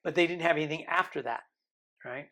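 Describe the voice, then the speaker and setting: A man in his sixties, originally from the Isle of Man, recounts his life in an interview with rambling, joking and self-deprecating digressions. His Birmingham accent carries an American tinge from decades spent there. He speaks a little fast in a gravelly voice that's on the high side.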